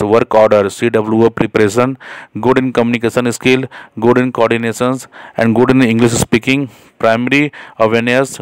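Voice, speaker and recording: A man's voice: medium pitch, clear, resonant tone, no room sound. A man hosting a job channel, talking casually in an unscripted voice-over with many fillers and restarts.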